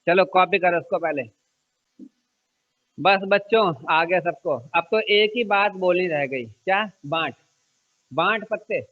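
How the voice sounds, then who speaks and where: A man's voice: sits high, unhurried, pauses often, muffled recording. A man teaching a math lesson to children, asking them questions and answering them himself, joking now and then and repeating key numbers. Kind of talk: classroom-style math lesson.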